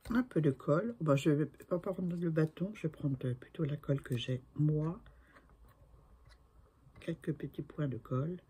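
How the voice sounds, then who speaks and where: Slow-talking woman in her sixties. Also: low-pitched, warm tone, a little hiss or hum. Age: 60s. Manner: chatty, talks to herself while working, often trails off to a murmur. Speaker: crafting video maker. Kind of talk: casual crafting tutorial.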